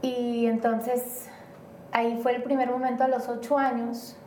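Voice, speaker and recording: A Mexican woman, interviewed as a guest in casual conversation, speaks in a rambling, hesitant manner with lots of fillers. Her voice is a little high and a little mellow, level in tone and measured in pace. The sound is roomy and distant, carrying faint noise.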